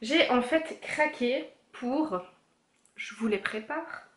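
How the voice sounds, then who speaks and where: A young woman vlogger chats through her beauty haul at home, her voice a little on the high side. She talks casually with lots of little fillers and restarts, straight into the camera mic. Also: takes it slowly, a bit bright, a little hiss or hum. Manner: chatty, many fillers and self-corrections.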